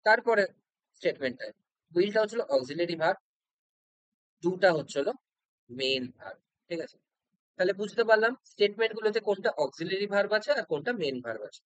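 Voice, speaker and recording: A man with a fairly high voice explains grammar rules for an exam, going step by step and repeating each point. He checks in constantly and keeps the pace unhurried. The sound is close and dry, with no room echo. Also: expressive, a bit bright. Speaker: English grammar teacher. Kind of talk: exam-prep grammar lesson.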